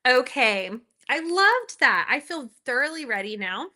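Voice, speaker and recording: A woman's voice sits high with big pitch swings, measured and sharp, as she hosts a casual home live stream. She chats and laughs with viewers, reacts to videos and fixes her audio, all captured by her laptop's built-in microphone.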